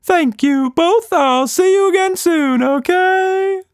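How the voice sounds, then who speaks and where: Squeaky, gleeful Quatsch Monster. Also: male voice, slow pace, no room sound, clean studio sound. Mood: fond. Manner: gleeful, exclamatory. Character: happy little furry pink monster, childlike and affectionate.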